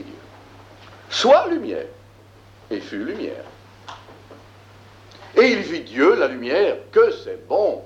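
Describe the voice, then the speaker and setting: Slow, animated man teaching scripture. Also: medium pitch, roomy sound, lo-fi sound. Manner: slow and emphatic, with many filler "hein"s. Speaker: Bible teacher. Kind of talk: lecture reading and explaining scripture.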